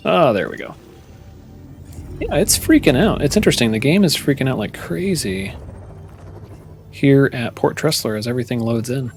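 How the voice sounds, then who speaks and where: A man's voice: mid-range voice, animated, normal speed, pauses often, soft background music. A man chatting casually to his viewers while playing a game live, musing aloud as he goes. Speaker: streamer. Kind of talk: casual gameplay commentary.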